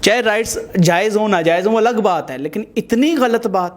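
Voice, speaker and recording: High-voiced man lecturing a quarreling couple. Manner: emphatic, lecturing, addresses viewers. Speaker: host. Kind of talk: mediating a marital dispute on camera.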